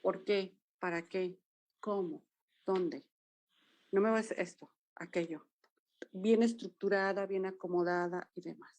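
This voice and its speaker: A woman's voice: on the low side, unhurried. A woman with a Mexican accent, a dance movement therapist, animatedly recounting therapy cases in an interview and acting out the dialogue. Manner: animated storyteller, acts out dialogue.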